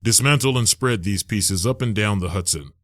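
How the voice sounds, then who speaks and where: Man reading a tough ex-Marine captain, deep voice, brisk orders, dry. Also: no echo, natural voice. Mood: commanding. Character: commanding male ex-Marine security captain.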